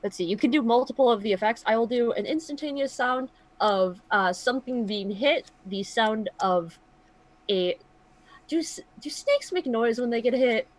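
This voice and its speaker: A woman's voice: fairly high pitch, expressive, moderate pace. A woman chatting casually and thinking aloud as she narrates her turn as a tabletop game player.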